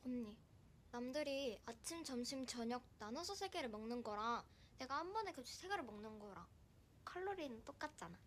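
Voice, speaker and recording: A woman's voice: on the high side, expressive, racing, slight background noise, close to an everyday voice. An actress playing a chatty schoolgirl younger sister in a TV drama. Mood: chatty, reasoning. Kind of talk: TV drama acting.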